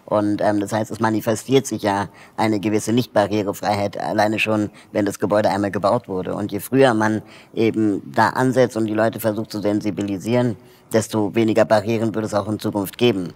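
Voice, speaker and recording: A man's voice: fairly low pitch, level tone, brisk, darkish tone. A man explaining a project and lecturing students in a hall, talking thoughtfully with frequent hesitation fillers. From Germany. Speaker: social project founder giving a lecture.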